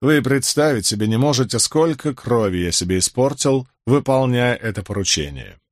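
A sneering, self-satisfied provincial lawyer, as a male audiobook reader puts him on speaks in curt, scornful phrases. His pitch rises and falls widely. The sound is close and dry. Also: lively intonation, normal speed, dry recording, lightly acted. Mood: boastful. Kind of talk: audiobook reading.

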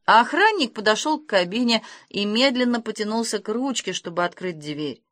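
A woman reading an audiobook aloud, expressive and lively in her storytelling. Her voice sits in a middle range and is recorded close and dry, with no room around it. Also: mid-range voice, fairly quick, no room sound. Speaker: narrator. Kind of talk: audiobook narration.

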